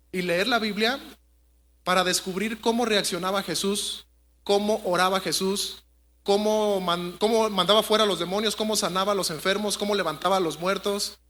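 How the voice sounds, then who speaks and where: A man's voice: sits high, pushed and bright. A man preaching a sermon to his congregation in a conversational way, often asking them rhetorical questions. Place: church.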